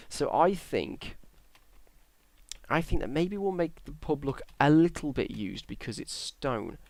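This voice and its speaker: A young Englishman talks through his game in a casual, tired ramble, full of restarts and trailing thoughts. His voice is gravelly with fry. The sound is close and dry, with no room echo. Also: mid-range voice. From England. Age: young adult. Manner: rambling, hesitant, self-correcting. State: tired, yawning. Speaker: Minecraft YouTuber. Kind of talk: casual gameplay commentary.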